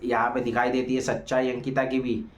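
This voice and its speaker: A man's voice: mid-range voice, little pitch movement, brisk. Male show reviewer, heated and mocking, talks to viewers, echoey room. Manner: heated, mocking, addresses viewers as guys and friends. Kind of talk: opinionated show review commentary.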